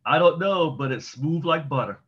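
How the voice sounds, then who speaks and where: Husky-voiced man on dull remote audio. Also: a little high, animated, moderate pace. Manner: easygoing, conversational, thinks aloud with fillers. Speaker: podcast co-host. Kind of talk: casual political chat.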